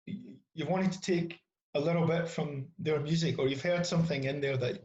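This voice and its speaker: A man with a Scottish accent hosting an interview over a video call, friendly and halting, with many restarts. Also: a little high, steady tone, darkish tone. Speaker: show host. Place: small room at home, indoors. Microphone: webcam on video call. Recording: roomy, dull webcam audio.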